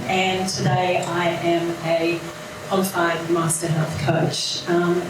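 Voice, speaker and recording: A middle-aged woman speaks earnestly as a health coach, stressing and repeating her key points. Her voice sits a little low. She is heard from a distance in a very echoey room, with noise behind her. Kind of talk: business pitch presentation. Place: event room. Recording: echoey room, mic far off, noisy.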